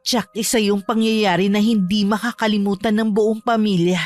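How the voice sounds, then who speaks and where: A woman giving scripted horror narration in a measured, grave tone. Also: medium pitch, steady tone, a little mellow, soft background music. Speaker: storyteller.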